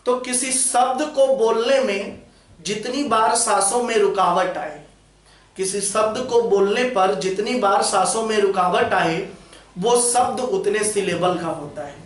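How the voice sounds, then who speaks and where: A man's voice: high voice, measured pace. A man teaching English grammar in a lesson, repeating his points and often asking whether the students have understood. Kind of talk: classroom-style lesson explanation. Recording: very echoey room, voice far from mic.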